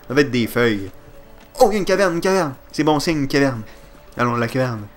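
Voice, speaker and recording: Excitable Quebec French gamer, animated. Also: male voice, mid-range voice, quick pace, soft background music. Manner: excitable, swearing, joking, yelping. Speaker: let's play gamer. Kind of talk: let's play commentary.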